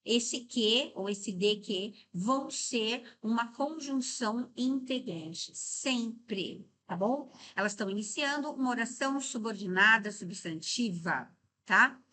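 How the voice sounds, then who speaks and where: Brazilian woman, middle-aged teacher; bright, fairly high voice; didactic, checks in constantly, drags out words to split syllables. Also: lively intonation. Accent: Brazilian Portuguese. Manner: slows and stresses words to break them into syllables. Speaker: Portuguese teacher. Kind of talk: exam-prep grammar lesson.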